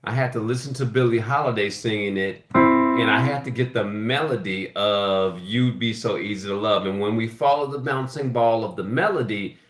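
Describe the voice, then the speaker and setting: Halting man teaching music over piano. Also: fairly low pitch. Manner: halting, restarts phrases, thinks aloud. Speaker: music teacher hosting a livestream. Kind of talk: casual live music lesson. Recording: echoey room with piano playing.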